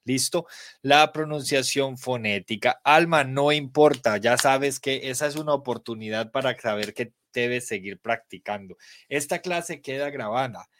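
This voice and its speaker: Colombian male teacher, middle-aged, unhurried, calls out students' names and praises them. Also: medium pitch, fairly bright tone, dry recording. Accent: Colombian Spanish. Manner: spells letters aloud, praises students by name. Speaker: English teacher. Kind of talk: live online class.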